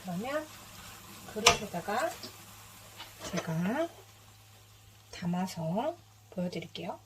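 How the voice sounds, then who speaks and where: A rather high-pitched woman hosts a casual home cooking video. She explains each step in an easygoing way. There is clear kitchen noise behind her, with clicks and chopping. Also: animated, normal speed. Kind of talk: casual cooking narration while cooking.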